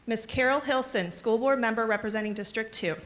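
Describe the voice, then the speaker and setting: A woman's voice: a little high, a little fast. A woman principal making a formal podium speech, introducing honored guests. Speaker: school principal. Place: at a podium at a graduation ceremony. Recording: noisy hall with clear crowd sound.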